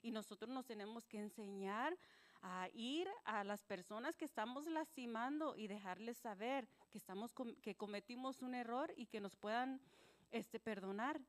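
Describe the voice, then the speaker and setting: A woman telling a children's story in church, animated and gentle, acting out the voices with simple words for kids. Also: on the high side.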